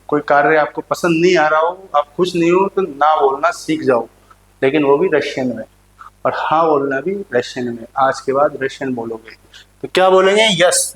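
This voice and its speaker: A man teaching a playful lesson to students, repeating words slowly and joking with them. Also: high-pitched, fairly bright tone. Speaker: language teacher. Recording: echoey room.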